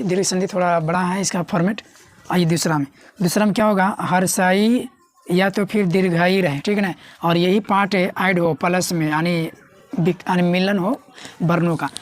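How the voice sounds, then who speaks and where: A young woman teaching a grammar lesson at a board. She repeats key words, asks her students questions and slows down to spell out words syllable by syllable. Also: on the low side.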